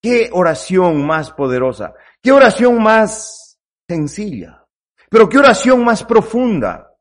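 A man with a high voice preaches a fervent sermon. He drops to near murmurs, then stretches his words into long, rising cries. He hammers home each point by repeating its phrases. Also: sing-song. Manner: impassioned, swings from low murmurs to drawn-out cries. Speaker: pastor.

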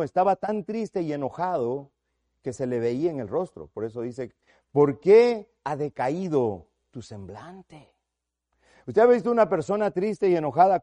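A middle-aged man preaching a sermon, earnest, calling listeners "my brother", swelling loud for emphasis and dropping to a soft low voice. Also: dry recording. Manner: earnest, addresses listeners as "mi hermano".

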